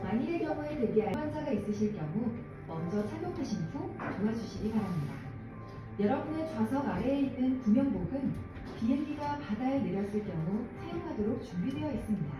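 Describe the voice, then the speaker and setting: A woman's cabin announcement comes through a loudspeaker, polite and formal in an even announcer's delivery. Her voice sits high. It reaches the mic from a distance and echoes heavily, with music playing underneath. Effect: cabin announcement over a loudspeaker. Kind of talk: formal in-flight safety announcement.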